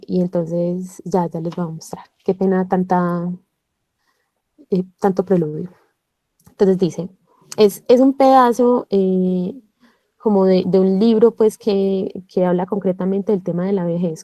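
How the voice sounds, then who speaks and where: A woman's voice: on the low side, dark tone, dry recording, muffled recording. A woman, hesitantly leading a club reading over a video call, with many fillers. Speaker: book club member leading a shared reading. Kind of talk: casual online reading club talk with read-aloud passages.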